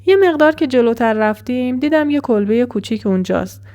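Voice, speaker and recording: A woman narrating a first-person horror story in an even, measured way as storyteller. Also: a little high.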